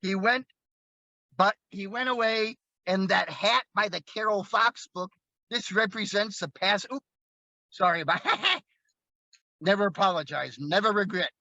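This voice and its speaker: A man's voice: unhurried, bright, forceful tone, no echo, lo-fi sound. A man performing a magic trick, telling a playful, theatrical story as he works. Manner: playful, theatrical, bursts into high whoops. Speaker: magician performing at an open mic show. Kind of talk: storytelling patter during a coin trick.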